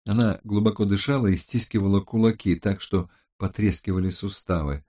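A man narrating a detective audiobook in a measured, expressive reading. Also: fairly low pitch.

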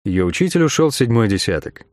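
A man's voice: medium pitch, sing-song, fast, a little mellow, no echo. Male audiobook narrator, dry close sound. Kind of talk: scripted fantasy narration.

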